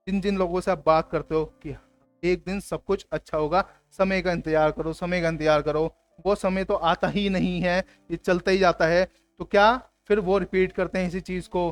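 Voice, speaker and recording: A man's voice: high-pitched, no room sound. A man explaining spiritual ideas to his viewers in an earnest, reflective monologue. He often checks that they are following and mixes in English phrases.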